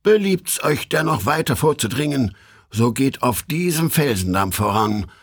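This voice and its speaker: A man voicing a scheming male devil captain who barks commands at his troop in a storybook reading, with a husky voice. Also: mid-range voice, lively intonation, a little slow, no room sound, clean studio sound. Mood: commanding. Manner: barking orders.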